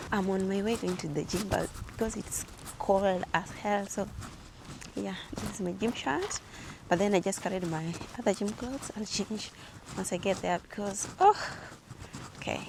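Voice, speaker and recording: A young woman from Africa, chatting and telling stories on a casual vlog while walking outdoors, lively and quick to laugh. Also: medium pitch, creaky, noisy background. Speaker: vlogger.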